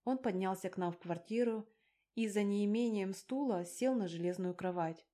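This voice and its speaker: A woman narrating a first-person novel in an even, measured audiobook reading. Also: medium pitch.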